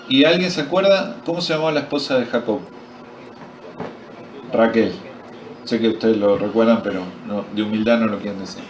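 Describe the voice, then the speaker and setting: A man's voice: mid-range voice, slight background noise. A man with an Argentine accent preaching a sermon at a men's retreat, quizzing his audience and joking as he tells the story. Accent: Argentine Spanish. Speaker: pastor. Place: retreat meeting hall. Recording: echoey hall recorded from far off.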